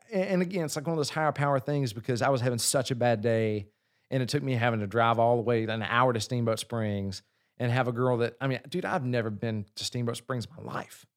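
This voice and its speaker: Profane storytelling man, casual chat. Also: mid-range voice. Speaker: singer and guest.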